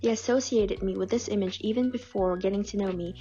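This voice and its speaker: Calmly and evenly, a woman reads aloud personal accounts sent in by others, following a script in a middle-pitched voice. The sound is lo-fi and dull, with faint music beneath her.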